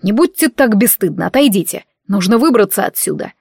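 A woman's voice: medium pitch, lively intonation, brisk, creaky, mellow, breathy edge, no room sound, studio quality. Woman voicing a curt, irritable young prince. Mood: irritated. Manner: curt and snapping.

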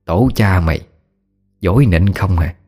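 A fussy, affectionate old village mother from an audiobook, with a Southern Vietnamese accent and a homely scolding way of talking, as a male narrator puts her on. The voice stays low and deep, and faint music plays underneath. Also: unhurried, a little mellow. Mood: fond.

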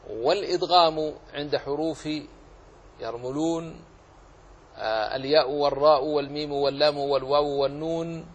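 A man's voice: a little high, rough recording. A man teaching a lesson on Quran recitation rules, explaining patiently and repeating key phrases. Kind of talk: Islamic lesson on tajweed rules.

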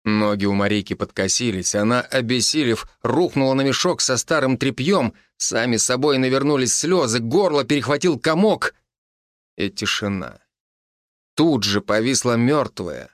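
A man's voice: mid-range voice, no room sound, studio quality. Man narrating a tense story. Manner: measured, dramatic storytelling with slow suspense pauses. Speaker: audiobook narrator.

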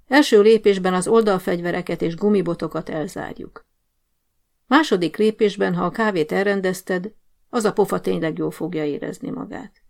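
A woman's voice: lowish voice, gravelly. A woman voicing a bossy, scheming male prison sergeant-major who barks orders at a guard in an audiobook story. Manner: commanding, barking orders.

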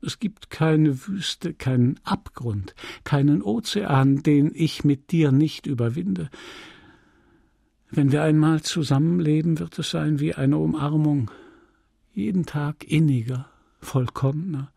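A man's voice: on the high side, slow, mellow, dry recording, clean studio sound, full character voice. A man voicing a passionate, tearful young woman in a read novel, pleading and intense. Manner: intense, pleading, breathy at times.

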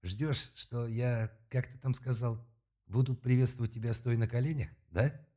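A man's voice: mid-range voice, fairly even intonation, moderate pace, dark tone, pitched above the performer's own voice, natural voice. A man voicing a sardonic, defiant young man in an audiobook, speaking with bold mockery. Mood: mocking. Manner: mocking, bold. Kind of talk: audiobook character voice.

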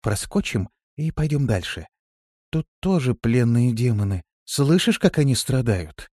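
A man's voice: mid-range voice, big pitch swings, measured pace, mellow, no echo, studio quality, pitched above the performer's own voice. A man reading an audiobook, voicing a timid young female demoness who speaks in a trembling, pleading, fearful voice. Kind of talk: audiobook character voice.

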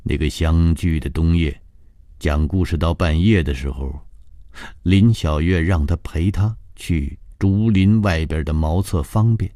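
Very deep-voiced male storyteller. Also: dark tone, no room sound, studio quality. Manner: measured storytelling with dramatic rises. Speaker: audiobook narrator. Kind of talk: scripted narration of a horror novel.

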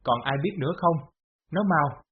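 A man's voice: a little high, expressive, moderate pace, slight background noise, close to an everyday voice. A man reading the lines of a harsh, scheming middle-aged father who barks curt orders. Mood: furious. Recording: dull lo-fi audio.

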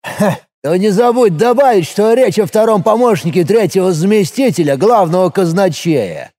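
A man's voice: high-pitched, very animated, normal speed, dark tone, voice pushed up. A man voicing a nasal, boastful thug who brags and cackles in an audiobook. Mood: cheeky. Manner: cackling, bragging, cheeky. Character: nasal boastful male thug trader, giggly. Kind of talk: audiobook character voice.

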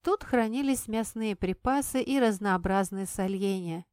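A woman narrating a fantasy story in the first person with an expressive, lively reading. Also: medium pitch, a little slow, smooth, no echo, clean studio sound. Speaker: audiobook narrator.

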